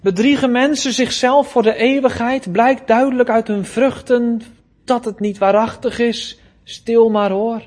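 A preacher with a notably high voice works through his sermon at a slow, deliberate pace. He presses hard on key phrases, then lets his voice sink low and soft. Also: steady tone. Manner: earnest preaching, rising to loud emphasis then dropping low.

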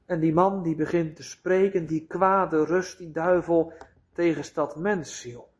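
A man preaching a sermon in a deliberate, emphatic way, with rhetorical questions to his listeners. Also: fairly high pitch, fairly even intonation, darkish tone.

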